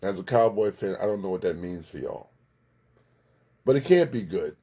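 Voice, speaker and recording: A man's voice: low-pitched, expressive, normal speed, dark tone. A man hosting a local sports recap, chatting casually, giving blunt opinions and greeting viewers by name. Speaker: sports show host. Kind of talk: casual live sports commentary.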